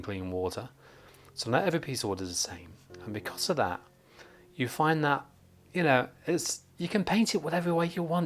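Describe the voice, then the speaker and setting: A medium-pitched man from northern England gives a live watercolour tutorial, painting at a desk under studio lights. He chats and jokes, thinking aloud as he works.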